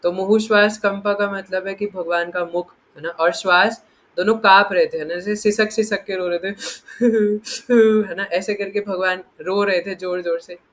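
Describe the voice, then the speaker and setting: A man with a high, light voice teaching scripture in an animated way. He keeps checking in with his listeners and acts out the lines he quotes. He laughs easily while he explains. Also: normal speed. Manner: animated, acts out quotes, frequent tag questions. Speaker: spiritual teacher. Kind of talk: scripture discourse.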